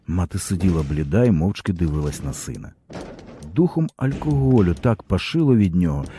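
A man narrating a literary story in a dramatic, expressive audiobook reading. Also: lowish voice, a little hiss or hum.

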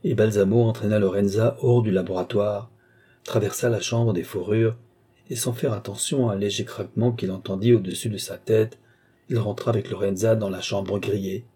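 Male audiobook narrator, measured literary delivery, mellow and slightly husky. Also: fairly low pitch, fairly even intonation. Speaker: audiobook reader.

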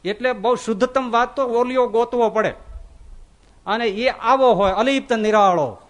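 High-voiced swami giving a lively sermon. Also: male voice, moderate pace. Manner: animated storytelling, acts out quoted voices. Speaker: swami giving scripture discourse. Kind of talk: Gujarati religious sermon.

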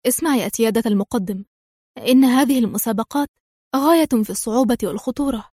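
A woman's voice: on the high side, fast, mellow, dry recording, natural voice. A woman reading the lines of a worried, devoted young woman who pleads anxiously, in a dry, close recording.

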